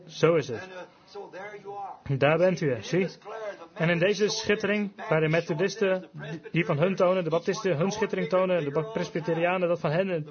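A man preaching a fervent revival sermon, emphatic, switching between quick bursts and slow, drawn-out phrases. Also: high-pitched. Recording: dull lo-fi recording with congregation audible.

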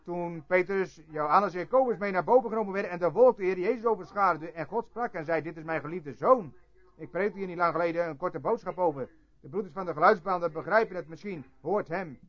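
A man preaching a sermon and telling a story, swinging between loud outbursts and hushed asides. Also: sits high, fairly quick. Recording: dull lo-fi tape recording.

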